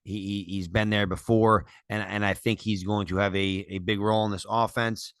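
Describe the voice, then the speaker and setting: A man co-hosting a casual sports talk, giving earnest, measured fantasy football analysis with many fillers. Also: lowish voice, level tone, a bit bright, smooth, no echo, studio quality. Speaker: podcast co-host.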